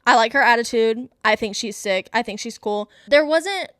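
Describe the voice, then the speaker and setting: A woman's voice: on the high side, moderate pace, a bit bright, dry recording, studio quality. A woman hosting her own show, giving a casual, gushing movie review in a chatty way, full of fillers. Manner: gushing, enthusiastic fan talk. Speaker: host.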